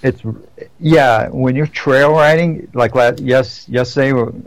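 A man's voice: mid-range voice, fairly even intonation, unhurried, dry recording, low-quality recording. A man chatting casually on a podcast, rambling through stories with many restarts and self-corrections. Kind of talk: casual chat.

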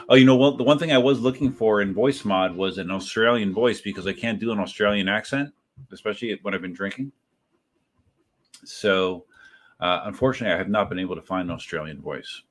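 A few drinks in, a male livestream host with a fairly low voice talks fairly quickly. He rambles and corrects himself while reading viewers' messages, addressing each by name in a casual chat.

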